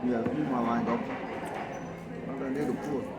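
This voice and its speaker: A man's voice: medium pitch, fairly even intonation, brisk, very noisy. A man hosting a mukbang, talking casually as he eats, slangy, profane and joking. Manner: eating as he talks, with mumbles of relish. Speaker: mukbang host. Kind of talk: casual chat while eating.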